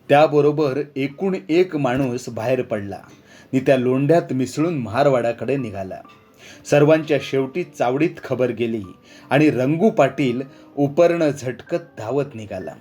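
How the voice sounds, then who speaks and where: Brief: male narrator, mid pitch, expressive story reading, faint music bed.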